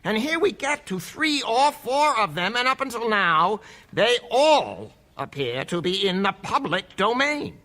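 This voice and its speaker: An actor plays a judge presiding over a hearing, using a high, sing-song, bright full character voice with a forceful tone. Stern yet patient, the judge runs the courtroom firmly, speaking in an authoritative, deliberate and emphatic way.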